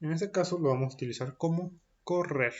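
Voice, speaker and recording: A man whose voice is fairly high yet darkish in tone teaches young children French in a recorded lesson with dull audio. He speaks each point in French before repeating it in Spanish, drilling pronunciation in a slow, deliberate way.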